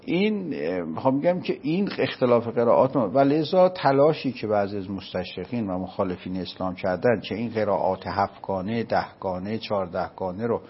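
Isfahani-accented male scholar, patient explainer, husky voice, muffled lo-fi sound. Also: fairly low pitch, animated, few pauses. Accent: Isfahani Persian. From Isfahan, Iran. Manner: patient, explaining step by step with checking questions. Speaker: religious scholar. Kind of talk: explanatory lecture in conversation.

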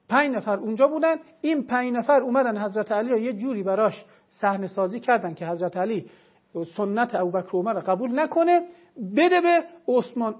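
Emphatic male religious scholar, lo-fi. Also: extremely high pitch. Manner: emphatic, argumentative, cites sources. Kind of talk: televised religious lecture.

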